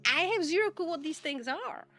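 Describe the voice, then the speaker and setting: A Czech VTuber streamer, a native speaker with a Czech accent, chats casually with her audience and answers viewer chat, laughing often and repeating "okay?" to press her points. Her voice is very high-pitched, animated and a bit bright at a moderate pace. Faint music plays behind her.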